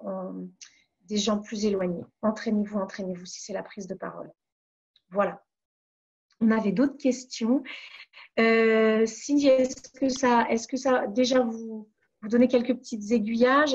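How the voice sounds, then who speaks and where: A woman from France giving calm advice as a webinar coach, pausing on fillers and restarting her phrases. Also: fairly high pitch, lo-fi sound. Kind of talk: online webinar talk.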